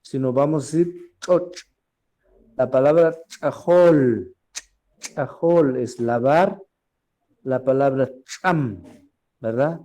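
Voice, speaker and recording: A man teaching a recorded language class, speaking slowly, repeating each word and often asking "¿verdad?", with frequent throat clearing. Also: mid-range voice, mellow. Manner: slow, repeats words and asks "¿verdad?" often.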